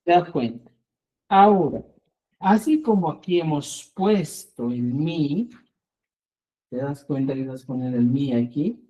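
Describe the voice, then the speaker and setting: A man's voice: a little high, a little slow, long pauses, mellow, poor audio. A man teaching an online language class, patiently explaining and often checking in with the students.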